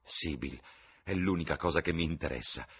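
A man's voice: rumbling low, moderate pace, fairly bright tone, slightly rough, heavily acted. A man reading an audiobook, voicing an ardent, infatuated young man with eager, rising enthusiasm.

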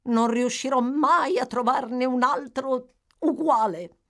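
Woman as a fussy, sugary workhouse matron, slow and exclamatory, lively pitch. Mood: peevish. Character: prim, self-pitying widowed workhouse matron. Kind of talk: audiobook reading.

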